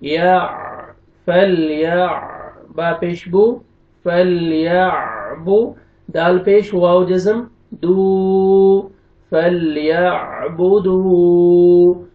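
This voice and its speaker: A man teaching Quran recitation, spelling out letters and vowel marks, then reciting slowly with long drawn-out notes, in a Pakistani Urdu accent. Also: sits high, steady tone. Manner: slow drawn-out recitation alternating with brisk explanation. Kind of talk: tajweed lesson, spelling out and reciting. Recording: roomy, distant, dull lo-fi sound.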